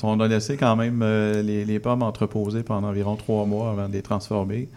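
A man's voice: on the low side, level tone, brisk, a little mellow. A man with a Québécois French accent, a cider maker guest on a radio interview, talking hesitantly with many fillers. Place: radio studio.

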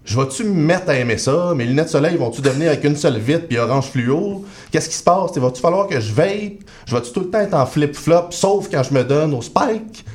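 A man with a Quebec French accent telling comic personal stories as a guest on a radio show, self-mocking and quick with asides. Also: fairly high pitch, lively intonation. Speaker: guest columnist. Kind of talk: comic radio chronicle, casual banter. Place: radio studio.

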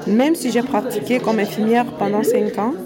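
A woman's voice: on the high side, moderate pace, over a noisy crowd. A woman from Cameroon with a Cameroonian French accent, a nurse giving a recorded testimonial, hesitant and repeating her words, with light laughter. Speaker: nurse in a recruitment cohort.

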